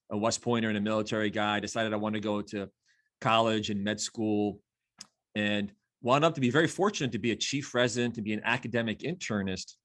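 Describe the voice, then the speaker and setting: A man's voice: fairly low pitch, fairly bright tone. A man in his fifties with a New Jersey accent, a physician guest talking eagerly in a casual interview and fond of rhyming catchphrases.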